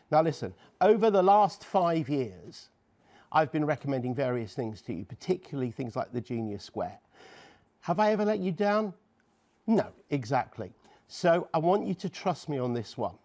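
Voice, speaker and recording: A man presenting products on a TV shopping show, speaking straight to viewers in a warm, persuasive, confiding way during an unscripted sales demonstration. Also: mid-range voice.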